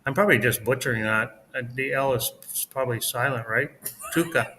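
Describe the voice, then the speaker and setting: Chatty guy on a home livestream, super bright tense voice, laughs a lot. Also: mid-range voice, steady tone, a little fast, slight background noise. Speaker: livestream co-host. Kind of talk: casual livestream chat. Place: home in Mexico.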